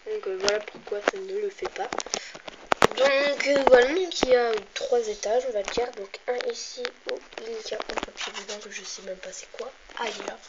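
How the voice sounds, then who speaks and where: A woman's voice: medium pitch, moderate pace. A young woman with a slightly sick, cracking voice chats casually and hesitantly as she shows things, rambling and interrupting herself. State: slightly sick, clearing throat and coughing. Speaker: amateur video maker presenting handmade doll furniture. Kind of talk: casual show-and-tell chat. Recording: dull lo-fi home recording, clear noise.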